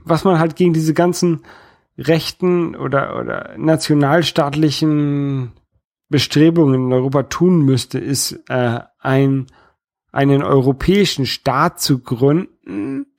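A man from northern Germany with a light North German accent talks casually about his political opinions, speaking haltingly and often repeating words as he searches for the next one. His voice is fairly high with a darkish tone, recorded at studio quality with no echo.

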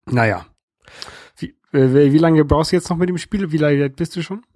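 Higher-voiced man in casual, halting chat. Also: a little mellow, dry recording, studio quality. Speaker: podcast co-host. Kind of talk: casual chat about video games.

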